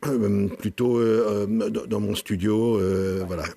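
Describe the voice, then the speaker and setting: A French man, a songwriter guest on a talk show, speaking in a halting, self-deprecating way with frequent restarts. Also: fairly low pitch, fairly even intonation, vocal fry, dark tone, dry recording. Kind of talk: casual interview.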